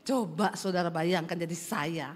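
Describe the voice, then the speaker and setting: A middle-aged woman pastor with a Sulawesi accent, preaching a lively, joking sermon to a congregation. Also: fairly low pitch, normal speed. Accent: Sulawesi Indonesian. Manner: animated, joking, teasing the congregation. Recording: reverberant hall with faint music.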